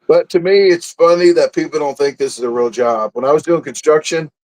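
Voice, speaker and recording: A man's voice: on the high side, fairly quick, darkish tone, low-quality recording. Blunt man chatting. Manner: blunt, boastful, laughs at himself. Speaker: guest, food and camping content creator. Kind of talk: casual interview talk.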